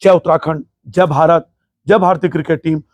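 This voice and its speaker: A man's voice: on the high side, fairly even intonation, moderate pace, dry recording. A man hosting his own cricket talk show, giving an emphatic, opinionated monologue. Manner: passionate, emphatic, patriotic.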